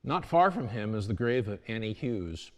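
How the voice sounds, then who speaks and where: His pitch swings widely around a fairly low base as this man, speaking at a moderate pace, talks history to a church congregation. He's relaxed and conversational, often restarting or fixing his words, all under long church reverb.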